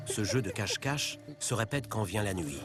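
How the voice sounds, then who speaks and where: A man narrating a nature documentary from a script, in a measured, dramatic storytelling manner. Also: fairly low pitch, expressive. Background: loud background music.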